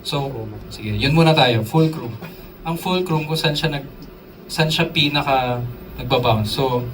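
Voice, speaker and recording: Speaking at a measured pace, a man with a mid-range, fairly bright voice leads a drum workshop, chatting casually and quizzing listeners while code-switching with English terms. He's recorded from a distance with drums in the room and a little hiss or hum.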